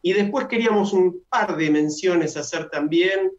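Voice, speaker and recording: A man hosting a radio talk show, chatty, who announces details slowly and repeats them. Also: high-pitched. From Argentina. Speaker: radio host. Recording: dull lo-fi radio sound.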